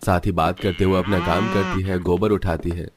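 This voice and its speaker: A man with a very deep voice narrates a cartoon story in steady, scripted storytelling. Faint noise sits under his voice. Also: moderate pace.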